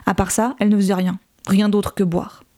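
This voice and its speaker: A woman's voice: mid-range voice, level tone, fairly quick, dark tone, natural voice. A woman reading the lines of a coarse, menacing middle-aged father who speaks with blunt contempt and false friendliness. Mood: bitter.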